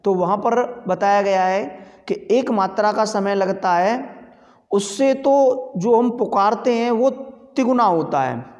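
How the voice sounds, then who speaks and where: Slow, patient grammar teacher in an echoey room. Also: medium pitch, darkish tone, muffled recording. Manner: explains step by step, asks the class questions and answers them; stretches out sounds to demonstrate. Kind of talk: Sanskrit grammar lesson.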